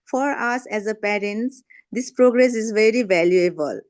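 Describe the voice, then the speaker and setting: A middle-aged woman from Nepal with a Nepali accent, giving a prepared talk as a guest parent on a video call, measured and pausing often with "uh". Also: medium pitch, a little mellow, no echo. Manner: measured, with frequent "uh" pauses. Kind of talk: prepared talk read aloud.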